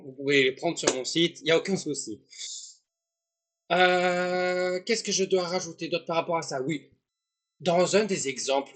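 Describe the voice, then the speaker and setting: Man, husky voice, slightly high, casual teacher, joking asides. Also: fairly bright tone. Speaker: German teacher. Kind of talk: online language lesson.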